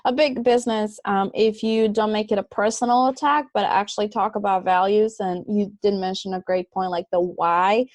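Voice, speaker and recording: A woman from Albania hosts a podcast interview with a mid-pitched voice. Her recording sounds dry and close. She asks long questions, rephrasing them as she speaks. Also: fairly even intonation, moderate pace, few pauses, a little mellow, dry recording. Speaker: podcast host.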